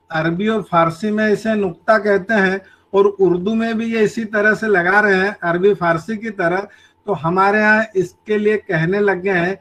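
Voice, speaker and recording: A man giving a lecture on grammar, slowly listing example words one by one. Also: high-pitched, fairly bright tone, rough recording. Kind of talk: slow explanatory lecture.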